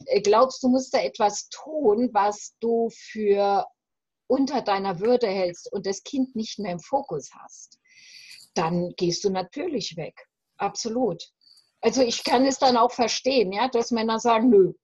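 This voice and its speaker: Speaking from a room at home through her computer microphone, a West German separation coach in her fifties joins a video call for a thoughtful interview. She talks emphatically but haltingly in a husky, fairly high voice with a darkish tone. The audio is muffled and dry, without any room sound.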